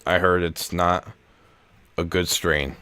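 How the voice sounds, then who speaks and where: A young man with a very deep voice co-hosts a comedy podcast. He explains things at length in a casual, blunt way and drops the odd swear word. The sound is dry and close, with no room echo. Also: fairly even intonation, slow, bright, forceful tone, smooth. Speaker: podcast co-host. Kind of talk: casual chat.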